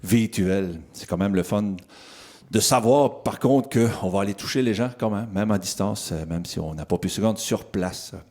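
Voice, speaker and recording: A man's voice: fairly low pitch, normal speed, a little mellow. A singer-songwriter from the Magdalen Islands with a Magdalen Islands French accent who drops his R sounds, chatting easygoingly between songs with many restarts. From Magdalen Islands, Quebec. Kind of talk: casual stage talk between songs.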